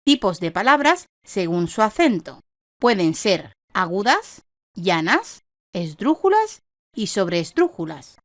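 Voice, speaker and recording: A woman reading a scripted instructional lesson in a measured, didactic way, stressing each example word. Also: mid-range voice, sing-song, a bit bright, dry recording, studio quality. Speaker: online course narrator.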